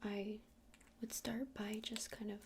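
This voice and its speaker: In this ASMR roleplay, a woman voices a kindly witch who runs a shop, presenting crystals to a customer with soothing, hesitant explanations. Her whisper is breathy, medium-pitched and level, barely rising or falling, with a slow, unhurried pace and a natural quality. Faint background noise lies underneath.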